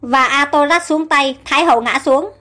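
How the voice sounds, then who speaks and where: High-voiced woman narrating an audio story. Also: moderate pace, pushed and bright, soft background music.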